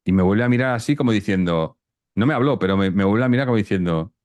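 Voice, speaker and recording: A man with a very low, deep voice tells a long personal story as an interview guest. He speaks haltingly, restarting phrases and repeating words. The sound is close and dry, with no room echo. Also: darkish tone.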